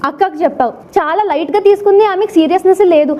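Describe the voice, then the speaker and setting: A woman with a very high voice argues insistently, pushing to finish her point and switching into English. Faint music plays underneath. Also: rapid-fire, warm tone. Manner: insistent, interrupts, mixes English. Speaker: reality show contestant. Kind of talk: heated argument.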